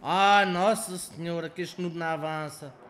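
A young man with a European Portuguese accent giving excitable, profane commentary over his own gameplay, taunting other players. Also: a little high, normal speed. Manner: excitable, swearing, taunting players, swings between shouting and muttering. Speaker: gaming channel host.

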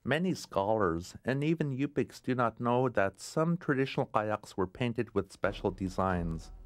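A man reading scripted documentary narration in a measured, explanatory way. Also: mid-range voice, animated, no echo.

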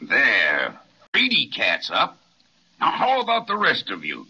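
A slow gentle giant. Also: male voice, medium pitch, huge pitch swings, husky, exaggerated voice. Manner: slow, warm, drawn-out giant voice. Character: gentle kindly male giant, slow and friendly. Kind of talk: 1930s radio drama acting. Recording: muffled 1930s radio transcription.

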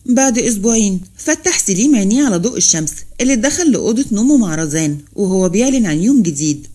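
A woman's voice: medium pitch, lively intonation, fast talker, dark tone. A woman reading a scripted romance story as narrator.

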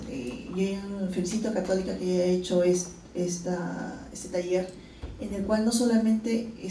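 A Peruvian woman in her forties, speaking for a research funding agency, gives a presentation in a conference hall using a handheld mic. Her voice is low and mellow, and she explains things with frequent fillers and restarts in a Peruvian Spanish accent. The audio is echoey and distant, with slight background noise.

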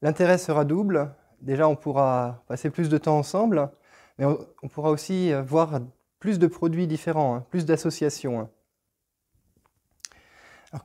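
A man in his thirties speaks to a camera a few meters away in a stone-walled showroom. His voice sits a little high but sounds dark and mellow. He works through long brand lists with frequent pauses and "euh"s. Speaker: shop owner presenting an open house. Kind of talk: casual presentation to camera. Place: hi-fi showroom with stone walls, indoors.

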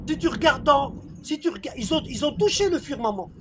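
A man with an extremely high voice explains things in a casual chat. He talks in short, repeated phrases and checks that he is understood. Clear vehicle noise runs behind him. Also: expressive, a little fast. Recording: noisy recording with vehicle rumble behind.

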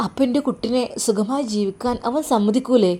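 A woman voicing a worried, gentle middle-aged mother who asks anxious questions. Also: on the high side, brisk, lightly acted.

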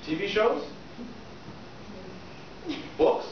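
This soft skills trainer has a high, creaky voice and is very animated, drawing out his words as he quizzes a small class during an interview-prep workshop. He asks the room frequent questions and checks with "okay?" Captured from the back of a small indoor classroom with a projector screen by a far camera, the audio is distant, echoey, muffled and noisy.

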